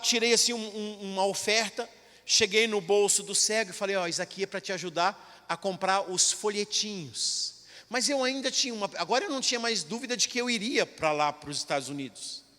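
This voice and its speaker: A male pastor telling a personal testimony in a sermon, animated and emotional, acting out the dialogue. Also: sits high, big-room sound. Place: large church hall.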